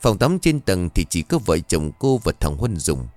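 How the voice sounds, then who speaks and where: A man narrating a scripted horror story in a slow, suspenseful reading voice. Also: low-pitched, very animated, darkish tone, no room sound. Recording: music bed behind the voice. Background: faint music.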